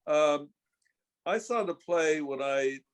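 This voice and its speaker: A man's voice: on the high side, clean tone. Earnest man in the audience. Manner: earnest, slow to get to the point. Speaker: audience member. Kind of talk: asking a question at a Q&A.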